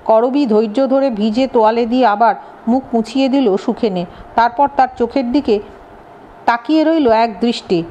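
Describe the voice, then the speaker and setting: A woman's voice: fairly high pitch, moderate pace, mellow. A woman reading a novel aloud as an audiobook narrator, voicing the dialogue with little change. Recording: dull lo-fi recording with faint hiss.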